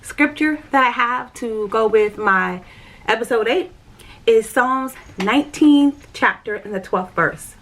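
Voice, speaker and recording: A vlogger with a slightly high, fairly bright voice speaks a little slowly as she tells viewers about her spiritual journey. Her casual storytelling is candid and rambling, full of fillers and repeats, with slight background noise.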